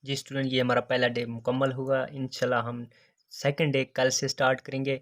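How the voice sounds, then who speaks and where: A man teaching the alphabet, saying each letter slowly and repeating "next" and "okay" as he goes. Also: medium pitch, monotone, fairly bright tone. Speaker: English teacher. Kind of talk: alphabet lesson narration.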